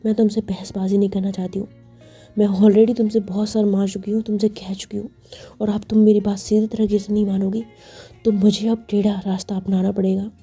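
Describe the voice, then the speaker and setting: A woman playing a headstrong young woman in a storybook romance, cold and defiant, with a dark, husky voice. She speaks in a flat, level tone over faint music. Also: mid-range voice, fairly quick. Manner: defiant, threatening.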